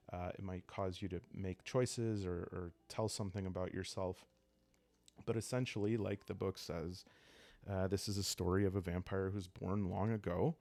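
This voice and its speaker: Speaking in a deep voice over a dry recording, a solo role-playing game channel host explains his material in an unhurried, soothing ASMR style, his words coming haltingly and thoughtfully.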